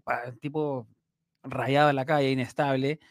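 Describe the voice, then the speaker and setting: A man's voice: medium pitch, flat delivery, measured pace, no room sound, clean studio sound. A man co-hosting a casual podcast chat, explaining at length with frequent restarts. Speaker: podcast co-host.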